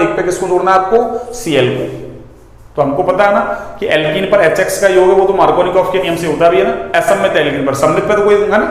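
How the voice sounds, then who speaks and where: A man teaching a chemistry lesson in a chatty classroom style, asking questions and answering them himself. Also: high voice. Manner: conversational, full of rhetorical questions and "ना" tags. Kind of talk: classroom lecture. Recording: very echoey room with long reverb.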